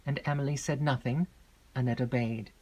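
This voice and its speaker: A woman narrating a classic gothic novel as an audiobook, in a measured, even storytelling manner. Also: a bass voice, breathy edge.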